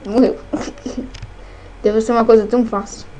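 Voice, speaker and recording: Excitable Brazilian woman gaming. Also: on the high side, a little slow, slight background noise, rough recording. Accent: Brazilian Portuguese. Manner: excitable, cursing, shrieks at jump scares. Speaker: gameplay channel host. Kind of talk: gameplay commentary.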